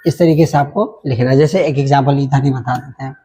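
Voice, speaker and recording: A man's voice: mid-range voice, fairly even intonation, a little fast, mellow. A man teaching an English grammar lesson, spelling words out letter by letter and checking in often.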